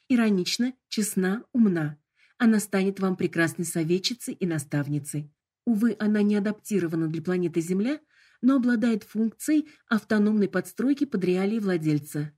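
A woman's voice: medium pitch, warm tone, voice pushed up, close to an everyday voice. A woman voicing a sickly sweet, politely formal female hologram assistant. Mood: sugary.

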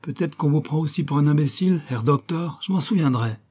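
A man acting out a scornful young SS officer who gives orders in a raised, hard voice. The sound is dark and husky, pushed higher than the reader's own. It reads as an audiobook scene. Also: a little fast. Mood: threatening. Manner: barked orders, icy and contemptuous. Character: cold arrogant young male SS officer.

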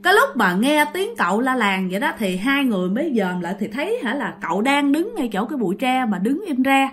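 A woman's voice: sits high, very animated, a little fast, faint music behind. A woman with a Southern Vietnamese accent telling a ghost story in a chatty way, often turning to her listeners. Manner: conversational, addresses listeners directly.

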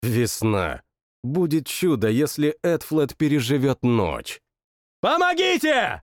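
A man narrating a first-person fantasy audiobook in a dramatic, expressive way. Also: on the high side, a little slow, no room sound, studio quality.

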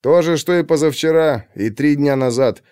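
A man's voice: on the high side, moderate pace, mellow, clean tone, natural voice. A man voicing a heated, defiant police captain in an audiobook reading. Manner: hot-tempered, defiant.

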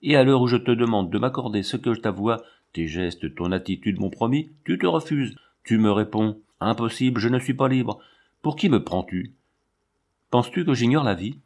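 A man's voice: mid-range voice, animated, moderate pace, darkish tone. A man reading an audiobook, playing a passionate, brutal young lion tamer who speaks urgently and pleads. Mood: heated.

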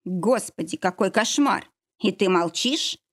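A woman's voice: mid-range voice, expressive, measured pace. A woman reading a blunt, protective father. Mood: firm. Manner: blunt, reassuring. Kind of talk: audiobook character reading.

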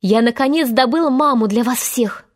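A woman's voice: medium pitch, steady tone, moderate pace, darkish tone, lightly acted. A woman reading a storybook aloud and voicing the boy Peter Pan, brash and commanding. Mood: boastful. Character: boy hero Peter Pan, cocky and bossy.

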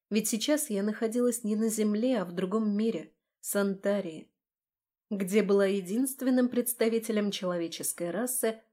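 A woman narrating a fantasy novel in the first person, with a lively, expressive reading. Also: mid-range voice. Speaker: audiobook narrator.

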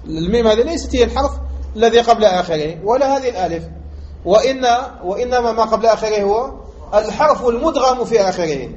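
A man from Algeria gives a classroom grammar lesson. He speaks with a high voice and keeps throwing questions at his students. The recording is muffled, with a faint hiss behind it. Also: a little mellow. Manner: asks students rhetorical questions and drills the point. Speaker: sheikh teaching Arabic morphology.

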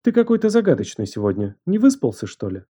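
A man voicing a young female student with a soft, trembling voice pitched well above his own. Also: huge pitch swings, fast talker, breathy edge, exaggerated voice. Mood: playful teasing. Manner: soft, trembling, near whisper.

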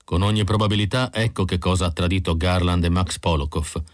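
A man's voice: sits low, fairly even intonation, brisk, dry recording, clean studio sound, lightly acted. A man voicing a cold, calculating male android leader who speaks in a clipped, matter-of-fact way.

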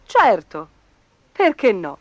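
Woman doing a calm farmer father. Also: medium pitch, takes it slowly, dry recording, muffled recording.

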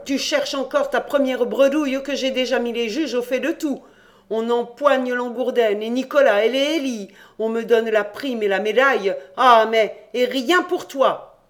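A man reading aloud and voicing a panicky, boastful young man who talks fast and excitedly in an audiobook. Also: very high-pitched, pitched above the performer's own voice. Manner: rapid, agitated, shouting.

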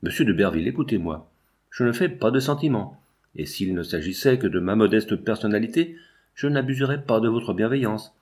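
A scheming old provincial deputy, as a male reader puts him on. He pleads and presses in a low, wheedling voice, never letting go of his point. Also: animated, a little fast, darkish tone, natural voice. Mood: pleading.

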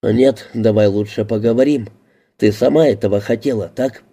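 Audiobook: a man reading as a low-key, wry detective with a very dark, low voice. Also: moderate pace, breathy edge. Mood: guarded. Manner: calm, dry, understated. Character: guarded, wry male police detective.

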